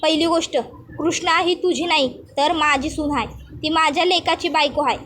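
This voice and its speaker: A proud elder mother-in-law snaps back and scolds in rustic dialect, voiced by a woman retelling a serial. Her voice is high. Faint ambience lingers behind. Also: steady tone, moderate pace, fairly bright tone, a little hiss or hum. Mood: defiant.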